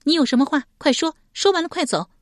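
A woman's voice: high voice, big pitch swings, fairly quick, dry recording, studio quality, pitched above the performer's own voice. A woman voicing a proud, hot-tempered young woman who snaps sharply at people. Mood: sharp, indignant. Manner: sharp and scolding.

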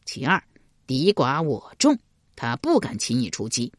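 Woman doing a shrewd minister, calm, measured, low voice, close dry sound. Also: no room sound, heavily acted.

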